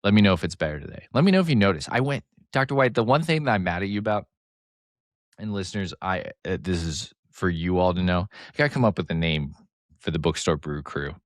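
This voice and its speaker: Male podcast host, lowish voice, mumbly and excitable, dry close mic, rambling solo sports chat. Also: quick pace, no room sound. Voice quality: slight speech impediment, mumbly. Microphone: close desk mic, sometimes turning off-axis.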